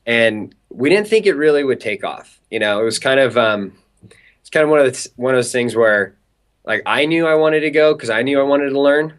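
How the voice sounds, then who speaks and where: A young man from Southern California, a guest telling an animated story in an interview, talking in a chatty way full of filler words. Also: medium pitch, moderate pace, clear, resonant tone.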